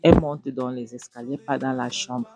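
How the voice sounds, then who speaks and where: A woman hosting a show and giving a casual, halting recap of a series episode. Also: extremely low pitch, little pitch movement, darkish tone, faint music behind. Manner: halting, lots of fillers and restarts. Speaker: host.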